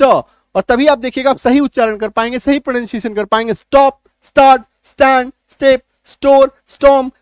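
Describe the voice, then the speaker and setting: A male English teacher giving a video lesson in Hindi, drilling letter sounds loudly and asking rhetorical questions to check understanding. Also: very high-pitched, dry recording. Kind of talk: classroom-style video lesson.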